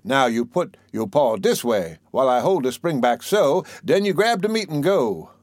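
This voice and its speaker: A man's voice: mid-range voice, very animated, normal speed, dry recording, clean studio sound. A man putting on a sly little weasel. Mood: scheming. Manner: crafty, persuasive, sly. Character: small, sly male weasel schemer.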